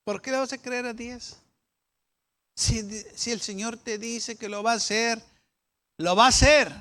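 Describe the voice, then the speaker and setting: High-voiced pastor preaching slowly. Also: male voice, bright, forceful tone. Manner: acts out the doubting people's voices with questions and rebuttals. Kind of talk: sermon.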